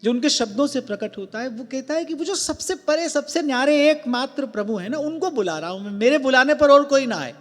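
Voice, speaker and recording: A man giving a devotional sermon in an ashram hall. He explains slowly, stresses single words and quotes verses. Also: very high-pitched, expressive. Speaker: spiritual discourse speaker. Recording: long hall reverb with faint music.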